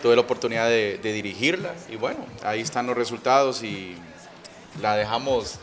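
A man in his thirties from Honduras with a Honduran Spanish accent, answering interview questions in a measured, polished announcer voice. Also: medium pitch, a little hiss or hum. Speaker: radio announcer and guest. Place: TV set in a betting lounge. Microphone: handheld mic.

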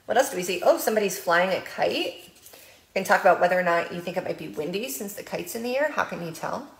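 American woman, library storytime host, sing-song and playful, slight vocal fry, echoey room. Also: fairly low pitch, lively intonation, fast talker. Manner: playful sing-song when reading, with animal sounds. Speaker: children's librarian. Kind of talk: storytime reading and early literacy tips.

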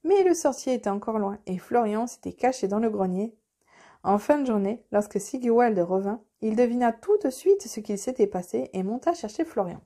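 A woman reads a children's storybook aloud, gentle and expressive. Her voice sits a little high but sounds soft and mellow rather than bright. The pacing suits a bedtime tale. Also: normal speed. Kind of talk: children's audiobook narration.

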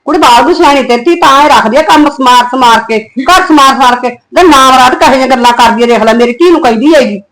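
Woman doing a fiery punjabi mom, high voice, scolds and cusses at the in-laws. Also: fast, hardly any pauses, fairly bright tone, poor audio. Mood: scolding. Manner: abusive, fiercely protective, scolding. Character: fiery scolding Punjabi mother, middle-aged. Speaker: mother.

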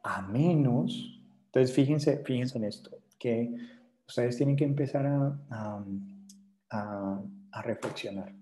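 Dark-voiced insistent Colombian lecturer. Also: male voice, medium pitch, slow pace, a little hiss or hum, poor audio. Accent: Colombian Spanish. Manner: insistent, repeats points, asks "¿sí?" and "¿vale?" to check understanding. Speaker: university lecturer. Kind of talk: classroom lecture.

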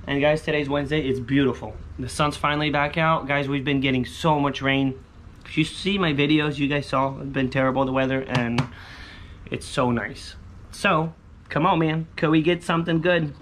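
Casual man chatting over clear outdoor noise. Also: a little high, steady tone, normal speed, fairly bright tone. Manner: repetitive, slangy, hopeful muttering. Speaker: vlogger scratching lottery tickets. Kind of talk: casual chat to viewers. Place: outdoors on a covered poolside patio.

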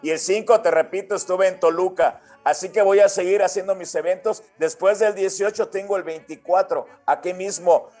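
Man, Mexican accent, radio interview guest, high voice, friendly and familiar. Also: fairly even intonation, moderate pace, hardly any pauses, darkish tone. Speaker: singer and guest.

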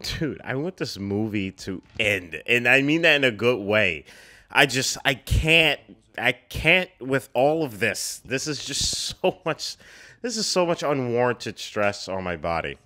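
Slow, bright-voiced man reacting to a film. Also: medium pitch, very animated. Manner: exclaiming, repeating phrases, laughing often. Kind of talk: casual reaction commentary.

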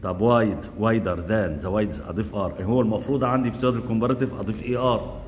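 A man teaching English grammar in Egyptian Arabic. He asks quick questions and answers them himself, and he drills the word forms aloud. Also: fairly low pitch, long reverb tail, slight background noise. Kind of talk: classroom grammar lesson.

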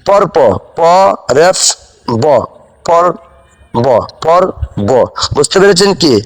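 A man giving a slow spelling lesson, repeating each word and asking if the viewer understood. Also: a little high. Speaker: teacher. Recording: long hall reverb.

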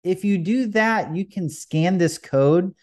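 Talking slowly in a high voice with a darkish tone, a developer narrates a coding tutorial over his desktop screen recording. His style is casual and packed with fillers.

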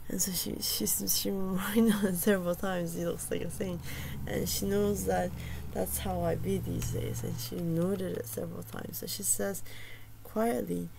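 A soft-spoken woman chatting casually about a poem and its translation. She talks hesitantly, with many fillers and restarts, and often drops to a near whisper. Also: lowish voice, gravelly, a little hiss or hum, poor audio.

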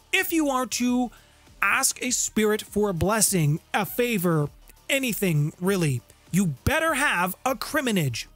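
A middle-aged man whose voice sits high and a bit bright hosts a tabletop game lore channel, giving a scripted explainer with playful, theatrical emphasis. He's in a home room with guitars indoors, speaking close into a studio condenser mic with a pop filter while background music plays.

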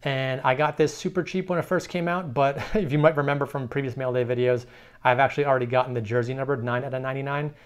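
Relaxed man chatting through a card mail day. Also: medium pitch, fast talker, clear, resonant tone. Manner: relaxed, chatty, many fillers and restarts. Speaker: card collector, channel host. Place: indoor card room.

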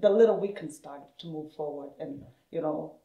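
A woman from Somalia recounts her own story in an interview, standing indoors. Her voice sits fairly low for a woman, and she lifts it to act out other people's words. The room gives the sound an echo. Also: normal speed. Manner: animated, acts out quoted speech with rising pitch. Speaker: interviewee, hockey parent and player. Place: indoors in a room with equipment shelves. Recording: roomy, echoey indoor sound.

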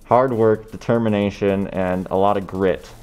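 A man in a fursuit chatting with strangers on a video chat, calm and dry with a teasing sense of humor. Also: fairly low pitch, moderate pace, soft background music. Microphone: talking from inside a fursuit head.

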